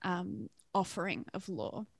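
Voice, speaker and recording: Gravelly-voiced Australian woman in her thirties. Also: lowish voice, expressive, unhurried, no room sound. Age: 30s. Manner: reflective, frank, laughs easily. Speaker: guest. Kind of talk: candid personal story in a podcast interview.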